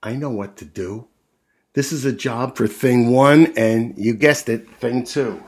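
A man voicing a cheerful, excitable cat in a tall hat, reading in a bouncy, rhyming sing-song. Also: medium pitch, a little slow, slightly rough. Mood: reassuring.

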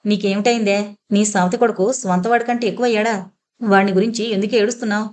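A woman voicing a sharp-tongued, domineering elderly grandmother in an audio novel, scolding and sarcastic. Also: medium pitch, fairly even intonation, fast talker, lightly acted.

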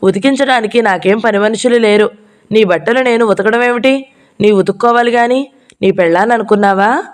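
A woman's voice: a little high, fairly quick, lightly acted. A woman voicing a young working woman who snaps curt, dismissive retorts at her lover. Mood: scornful. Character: sharp-tongued young woman, a married man's lover. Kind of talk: audiobook character reading.

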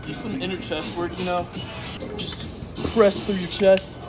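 A young man clowns around as he walks through a home chest workout, his voice slightly high. He is caught on a handheld camera from a few feet away. Upbeat music plays clearly underneath. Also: level tone, a little slow, poor audio. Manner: playful, bro-ish banter while exercising. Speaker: workout vlogger. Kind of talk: joking workout demo. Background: background music.

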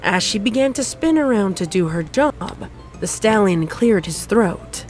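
A woman narrating a fan story in an even storybook reading. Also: mid-range voice, a little slow, music in the background. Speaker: fanfic narrator. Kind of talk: scripted narration.

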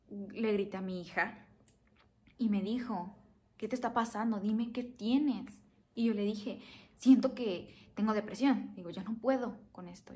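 A woman's voice: medium pitch, dark tone. A young woman talking to her viewers, earnest and emotional, recounting a hard personal experience and repeating phrases for emphasis. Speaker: vlogger. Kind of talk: personal storytelling to camera.

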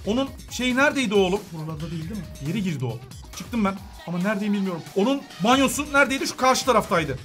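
A woman with a Turkish accent hosting a gaming channel, giving excited let's-play commentary full of urgent, repeated commands. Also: medium pitch, rapid-fire, soft background music.

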